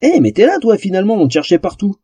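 A man voicing a mischievous, giggling young female elf in a playful, husky voice. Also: high-pitched, very animated, moderate pace, warm tone, dry recording, voice pushed up, exaggerated voice. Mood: giggly.

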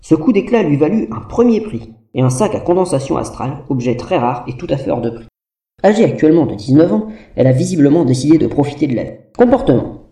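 Un homme qui lit à voix haute une fiche de personnage d'un ton pince-sans-rire. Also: male voice, fairly high pitch, very animated, fast talker, mellow. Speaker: co-narrator. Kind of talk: reading a character sheet. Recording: roomy and distant mic.

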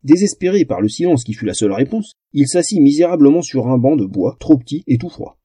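Male audiobook narrator, comic fantasy, expressive, husky and very dark, dry close sound. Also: mid-range voice, fairly quick, no room sound.

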